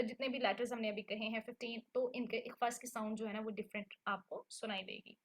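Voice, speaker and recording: A woman with a high, bright voice teaches a recitation class. She explains slowly and patiently and keeps checking that her students are following. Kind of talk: online lesson.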